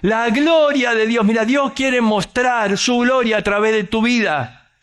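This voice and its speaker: Argentine guy preaching, high voice, lively storytelling, keeps asking the crowd stuff. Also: a little slow. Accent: Argentine Spanish. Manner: animated storytelling, voseo, rhetorical questions. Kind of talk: sermon.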